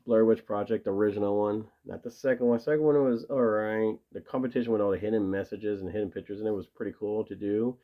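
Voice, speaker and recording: Casual vlog host, man, low gravelly voice, rambling and enthusiastic, dull lo-fi home recording. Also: steady tone, fast talker, hardly any pauses. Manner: rambling, enthusiastic, lots of fillers. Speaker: video host showing his tape collection. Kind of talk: casual chat to camera.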